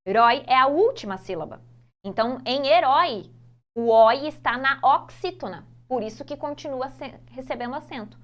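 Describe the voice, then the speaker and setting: A Brazilian woman's high, animated voice comes through a phone as she gives an exam-prep Portuguese grammar lesson. Patient in her explanations, she repeats the key points and slowly stretches out example words.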